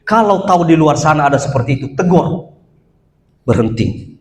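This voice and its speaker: A male pastor delivers a sermon with a fairly high, lively voice that leaps from loud exhortation down to quiet asides. The sound rings around an echoey church hall. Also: quick pace. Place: church service.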